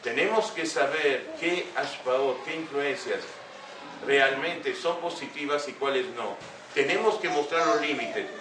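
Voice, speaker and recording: Speaking in a fairly high, unhurried voice, an older man gives an earnest talk to young people and often stops for rhetorical questions. He sounds distant from the mic, in an echoey room with steady background room noise.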